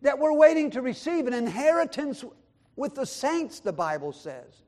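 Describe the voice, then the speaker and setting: This high-voiced pastor delivers a sermon with swelling emphasis, in a sing-song cadence at normal speed. He alternates between loud, high declarations and hushed, low asides, quotes scripture, and voices other people in the story.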